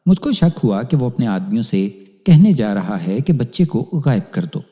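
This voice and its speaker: A man's voice: mid-range voice, sing-song, mellow. A man narrating a crime story as a police inspector, in an emphatic, dramatic reading. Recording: long hall reverb.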